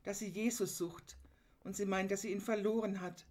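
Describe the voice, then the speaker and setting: A woman's voice: medium pitch, fairly even intonation, moderate pace, a little mellow. Earnest woman preaching a sermon. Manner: earnest, emphatic retelling with direct appeals to listeners.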